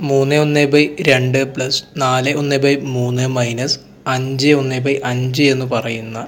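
A man's voice: mid-range voice, slight background noise. A man teaching a math lesson, who asks questions and answers them himself as he works through each step. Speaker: exam coaching teacher.

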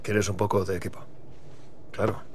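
A man's voice: on the low side, flat delivery, moderate pace, slight background noise, close to an everyday voice. A man voicing a tough younger brother who leads a settlement, firm and resentful. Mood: guarded. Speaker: game character.

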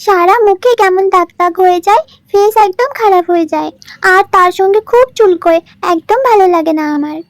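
A woman's voice: extremely high pitch, a little fast, no room sound. A woman voicing a chatty, fussy young daughter who complains a lot in a doll story.

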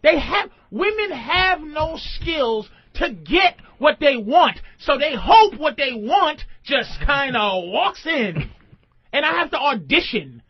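A man's voice: very high voice, very animated, takes it slowly. A man hosting a comedic radio talk show, crude and combative as he rants. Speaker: host. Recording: dull lo-fi radio recording.

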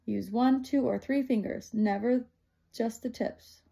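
Brief: woman reading as a spirited girl, clipped teasing lines, pitched well up and raised. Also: fairly even intonation, measured pace, vocal fry, dark tone. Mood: instructive. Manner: teasing, clipped simple phrasing. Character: bossy spirited young island girl.

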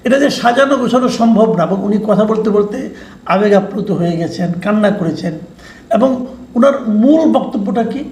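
A man delivering measured political news commentary, explaining events and reading out quotes. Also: high-pitched, lively intonation, darkish tone, echoey room, a little hiss or hum.

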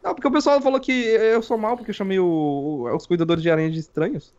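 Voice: mid-range voice, fairly even intonation, quick pace, darkish tone, muffled recording. A gamer playing Minecraft with a friend, insistent and shrieking in panic. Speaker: gaming partner. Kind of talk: excited Minecraft let's play chat.

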